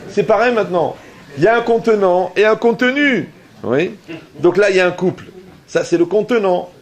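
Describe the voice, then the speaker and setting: A man's voice: high-pitched, normal speed. A man giving a rabbi's sermon to an audience, telling stories with acted-out dialogue and often asking whether listeners follow him. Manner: lively storytelling with acted dialogue and jokes.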